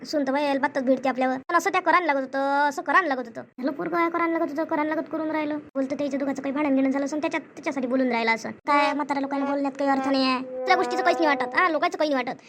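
A woman's voice: high-pitched, rapid-fire, hardly any pauses, fairly bright tone, slight background noise. A woman tells a family story in a chatty way. She repeats herself often, reassures the others and gossips about the family. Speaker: storyteller voicing family members. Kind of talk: conversational family skit.

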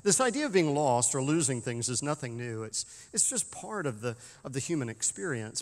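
A man preaching a sermon as pastor, telling stories in a lively, conversational way. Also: medium pitch. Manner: storytelling, lively when quoting. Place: church sanctuary. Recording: long church reverb.

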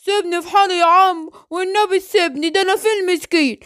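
A woman's voice: extremely high pitch, steady tone, quick pace, dry recording, studio quality. A woman with an Egyptian Arabic accent voicing a timid, pleading male elephant in a cartoon story. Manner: whiny and begging. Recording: loud noise with clicks.

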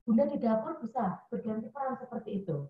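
A woman's voice: a little high, expressive, a little fast, slight background noise. A woman educator giving a chatty parenting webinar talk to mothers, with many fillers. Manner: chatty, addresses listeners as Bunda, many fillers. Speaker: early childhood educator speaking to parents. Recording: dull, echoey room audio.

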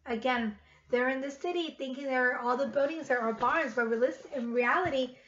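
Speaking at a normal speed, a woman in her thirties with a high, fairly bright voice reads to young children as their teacher and repeats questions to them. It's a webcam recording from her living room at about arm's length, dull-sounding with clear noise.

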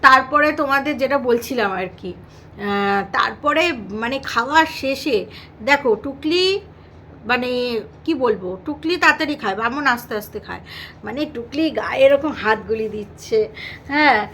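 A woman's voice: high-pitched, normal speed, sharp tone, slight background noise. A Bengali woman vlogger chatting casually and teasingly about another creator's videos, full of fillers and playful asides. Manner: gossipy and teasing, many fillers, slips into mock Hindi.

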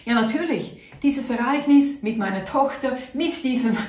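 Her voice sits high, a little mellow and at normal speed as this middle-aged Swiss natural health vlogger tells the camera a personal story in an earnest, chatty manner, acting out her own thoughts. She is seated at a table in a small room, and the distant mic yields a roomy sound.

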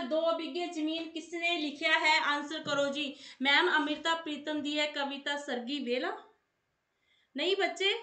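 A woman's voice: high voice, bright, forceful tone. An Indian Punjabi woman teaching a live quiz class, insistently repeating her prompts and coaxing or scolding pupils in a familiar, chatty way. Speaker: online exam coaching teacher. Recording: echoey room sound.

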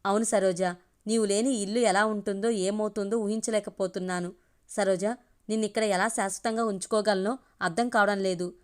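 Audio story: a woman doing a pained, earnest young man, mid-pitched. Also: brisk, a little mellow, close to an everyday voice. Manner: pained, emotional pleading.

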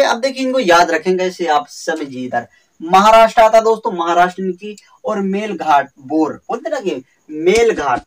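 A man's voice: fairly high pitch, distant mic, a little hiss or hum, low-quality recording. A man teaching a general-knowledge exam lesson, explaining memory tricks with repetitive, sing-song emphasis and calling his viewers friends. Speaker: quiz teacher.

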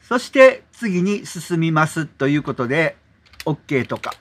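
A man hosting a software tutorial, explaining step by step in a polite manner, often adding 'desu ne' as filler. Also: fairly high pitch, big pitch swings, unhurried, slight background noise. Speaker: tutorial host. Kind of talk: screen-recorded software tutorial.

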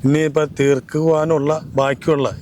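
A man answering interview questions as a local election candidate, earnest and measured, listing his plans point by point. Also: a little high, flat delivery, darkish tone, slight background noise.

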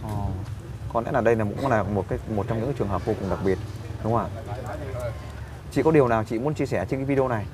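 A man's voice: fairly low pitch, quick pace, long pauses. A man from a volunteer search team interviewing a woman outdoors, formal and restating her answers back. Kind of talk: street interview. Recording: distant mic, loud crowd.

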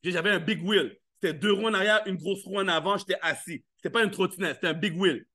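A man with a high, forceful voice speaks from a live event stage. He questions his listeners directly and slips into quick acted scenes. The delivery stays playful and punchy. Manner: playful, questions the audience, acts out little scenes. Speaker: motivational speaker. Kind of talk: live motivational talk to an audience.

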